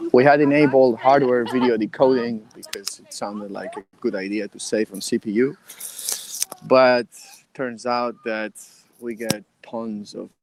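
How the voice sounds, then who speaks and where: A man on the team giving a casual update on a video call, measured, with many ums and uhs. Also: medium pitch. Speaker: mobile developer on the team.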